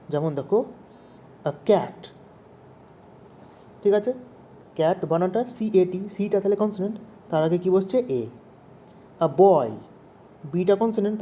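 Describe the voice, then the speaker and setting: A man's voice: high voice, mellow, a little hiss or hum. A man teaching English grammar to young pupils, asking questions and repeating the main points. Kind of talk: explaining grammar to children.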